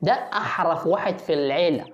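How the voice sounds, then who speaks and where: In dull audio, a woman with a lowish voice and an Egyptian Arabic accent talks fast, giving playful voice-over commentary on a video. Like a mock sportscaster she teases the people on screen, now and then breaking into excited yells.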